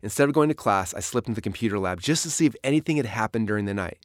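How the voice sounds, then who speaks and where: A man's voice: fairly low pitch, expressive, rapid-fire, no room sound, clean studio sound. A man reading his own memoir aloud in a storytelling manner. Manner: storytelling, dramatic in places. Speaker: narrator. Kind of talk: memoir audiobook narration.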